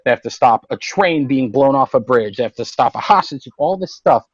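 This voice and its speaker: Male podcast co-host, mid pitch, animated storyteller, dry and slightly muffled audio. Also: brisk, breathy edge, dry recording. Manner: animated storytelling, recounting plots in detail. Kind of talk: casual roundtable chat.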